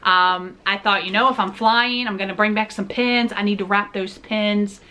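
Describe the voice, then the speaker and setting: A woman in her forties chats through a shopping haul on her own channel. Her voice sits at a middling pitch with a bright, crisp edge. She jokes and speaks straight to her viewers in a relaxed, talkative way. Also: normal speed. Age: 40s. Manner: chatty, jokey, talks straight to viewers. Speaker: vlog host. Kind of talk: casual shopping haul chat.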